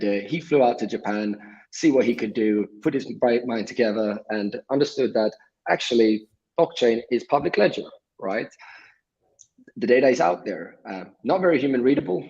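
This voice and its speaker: A man from Sweden, a guest on a livestream, explaining things in a measured way with frequent filler words. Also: mid-range voice, gravelly, a little mellow, highs cut off. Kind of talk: livestream interview.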